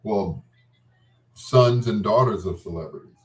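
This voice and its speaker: Between love songs on his radio show, a man shares personal stories in a low voice at a measured pace. He reminisces casually and tends to ramble.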